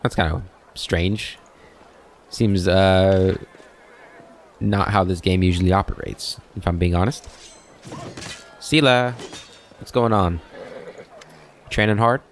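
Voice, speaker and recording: A man hosting a let's play, giving relaxed commentary and muttering asides to himself. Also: low-pitched, slow, pauses often, a little hiss or hum. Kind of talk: casual gameplay commentary.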